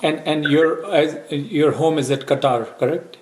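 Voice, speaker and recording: Male host, brisk interviewer, checks facts as he goes. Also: fairly high pitch, background noise. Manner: brisk questioning with quick acknowledgments. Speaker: career advice host. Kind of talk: interview over a call.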